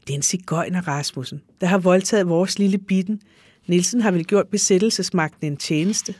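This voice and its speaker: A reader voicing a harsh, cruel farm wife who scolds in curt, sharp lines, in a dry recording. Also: mid-range voice, no echo, natural voice. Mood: scolding.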